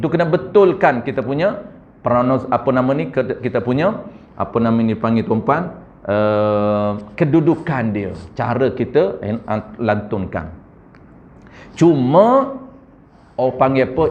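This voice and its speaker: A man with a Malaysian Malay accent teaching correct Quran recitation, chanting verses slowly and correcting pronunciation. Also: medium pitch, animated, darkish tone. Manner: addresses audience as tuan-tuan, frequent "ha". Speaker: religious teacher. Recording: muffled lo-fi recording.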